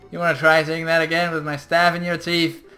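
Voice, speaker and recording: A man's voice: medium pitch, animated, normal speed, a bit bright, soft background music. A man voicing a feisty, hot-tempered teenage girl in a video game, snapping back indignantly.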